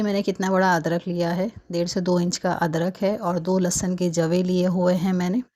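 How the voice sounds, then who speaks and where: A cooking vlogger in her thirties narrates a recipe in her home kitchen, chatty and casual, constantly dropping filler tags like "hai na". Her voice is lowish and mellow.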